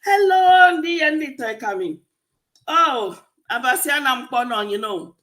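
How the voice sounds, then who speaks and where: A Nigerian woman, a native Efik speaker with a Nigerian accent, co-hosts a casual online panel discussion. Her voice is high-pitched and fairly bright, and her delivery is animated and unhurried.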